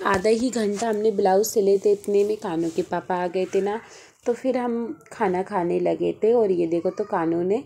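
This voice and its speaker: Her voice is medium-pitched, gravelly and mellow, moving at normal speed, as this young woman with a Malwi Hindi accent vlogs her day from the home kitchen. She sounds tired, and the narration is casual, homely and rambling, full of fillers.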